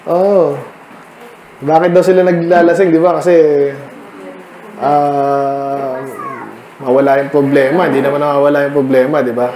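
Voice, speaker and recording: A man's voice: on the high side, level tone, moderate pace, darkish tone, reverberant, slight background noise, poor audio. Filipino pastor quizzing his listeners. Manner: conversational, quizzing listeners by name. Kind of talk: midweek Bible study sermon. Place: church meeting room.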